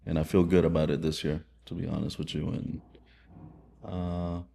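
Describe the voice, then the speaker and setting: Deep, mellow-voiced blunt man. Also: flat delivery, moderate pace, vocal fry. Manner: blunt, confident. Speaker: team manager. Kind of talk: casual podcast chat.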